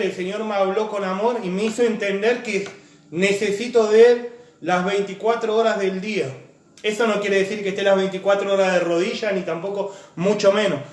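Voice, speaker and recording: A man's voice: high voice, echoey room. A man preaching a sermon, earnest and full of repeated phrases and lists as he shares his own testimony.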